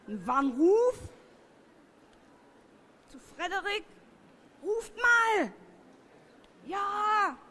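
A woman's voice: sits high, a little hiss or hum. A woman reading a children's story aloud to a group, often turning to ask the listeners questions. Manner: slow, lively, asks the children questions.

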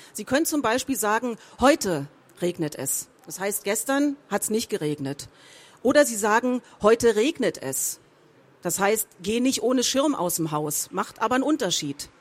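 A woman speaking as a professional voice-over artist, teaching how to read texts aloud and demonstrating emphasis with example sentences. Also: medium pitch.

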